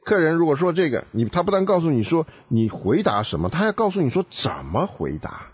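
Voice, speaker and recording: A man's voice: fairly high pitch, big pitch swings, fairly quick, husky, dull audio. A man, co-hosting a casual talk show and giving advice emphatically, with rhetorical questions.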